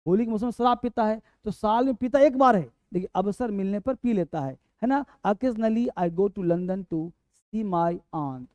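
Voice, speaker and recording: A male teacher with a high, darkish voice gives a spoken English lesson, calling his students "beta" and drilling each word through repetition. The recording is dry, with the highs cut off.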